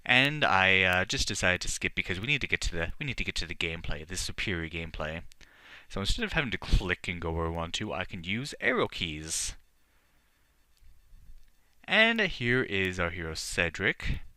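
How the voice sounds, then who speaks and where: Man, let's play host, low pitch, lively intonation, mock-grand casual commentary, game music behind. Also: normal speed, dry recording.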